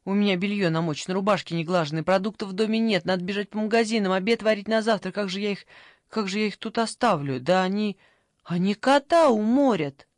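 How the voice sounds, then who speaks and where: A woman's voice: mid-range voice, fast talker, dry recording, pitched above the performer's own voice, lightly acted. A woman voicing a flustered, complaining elderly grandmother in an audiobook, stammering and fretful, with a dry close sound. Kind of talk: audiobook character voice.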